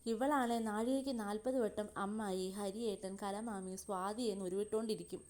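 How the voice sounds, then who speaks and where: Outspoken young woman friend read by a woman narrator, brisk and scolding, mellow voice, storybook. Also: medium pitch, fairly even intonation, close to an everyday voice. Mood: reproachful.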